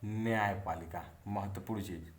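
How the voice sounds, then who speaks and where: A man's voice: deep voice, fairly even intonation, moderate pace. A man teaching an exam-prep civics lesson who repeats key terms and keeps asking rhetorical questions. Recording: echoey room, faint background hum.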